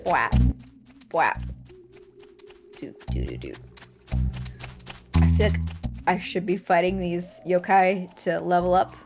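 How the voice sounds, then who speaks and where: A woman streaming live gameplay, talking in an animated, playful way and swearing casually. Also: lowish voice, takes it slowly, vocal fry, long pauses. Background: faint game music.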